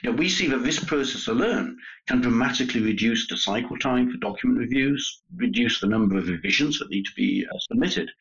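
A man speaking as an industry guest on a podcast, explaining in a measured way. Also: mid-range voice, expressive, a bit bright, highs cut off. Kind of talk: podcast discussion.

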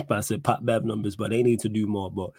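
A man's voice: fairly low pitch, fairly even intonation, a little fast, gravelly, a little mellow, slightly rough, dry recording. A man with a London roadman accent hosting a casual football fan livestream, talking in street slang and repeating himself for emphasis. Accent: London, urban slang. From United Kingdom. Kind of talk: casual live sports chat.

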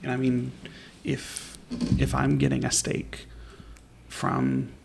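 Young man, gravelly and flat-toned, rambling podcast co-host, light hiss behind. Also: medium pitch, slow pace. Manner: easygoing, chatty, rambling with restarts. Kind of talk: casual chat. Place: home at night.

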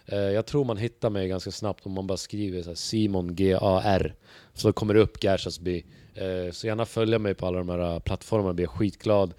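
A lower-pitched man, a stand-up comedian, talks casually as a podcast guest. He tells stories with animated energy and acts out the people in them, and he swears freely between filler words. His voice sounds dry and close. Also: few pauses, no room sound. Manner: animated storyteller, acts out other people's lines.

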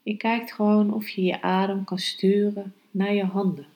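A woman hosting a yoga podcast, teaching calmly and guiding meditation in a measured, unhurried way. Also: mid-range voice, lo-fi sound. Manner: slow, measured, unhurried delivery with pauses. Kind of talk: calm instructional podcast and guided meditation.

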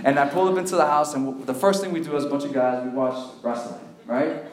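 A man in his thirties from a Cuban family, telling a funny story to a live crowd at a youth event, animated and breaking into loud acted quotes. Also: medium pitch, quick pace, reverberant, background noise. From Cuban family, raised in the US.

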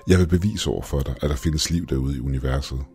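A man voicing an obsessive, excitable young male astronomy student who talks eagerly and urgently. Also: rumbling low, husky, faint music behind, full character voice. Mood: insistent.

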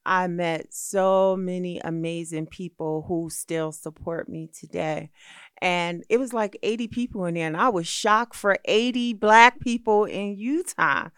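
A middle-aged woman, a magazine founder being interviewed, telling her story in a lively, expressive way. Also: on the low side, measured pace, clear, resonant tone, no room sound, clean studio sound. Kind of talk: animated storytelling in a conversational interview.

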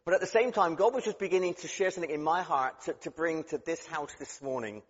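A man's voice: a little high, quick pace. A middle-aged man with a West Country accent preaching a chatty, humorous sermon as a guest speaker, often restarting his words. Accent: West Country English. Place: church. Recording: dull sound with long hall reverb.

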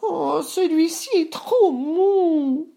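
A man's voice: extremely high pitch, extremely slow, vocal fry, dark tone, pitched above the performer's own voice, exaggerated voice. Boucle d'Or, a man putting on a little girl. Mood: childlike. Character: curious little girl, sleepy and polite. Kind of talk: storybook reading.

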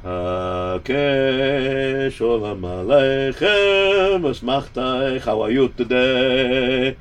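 A man's voice: medium pitch, extremely slow, smooth. A man, a rabbi, trading an improvised story with a partner in a playful way.

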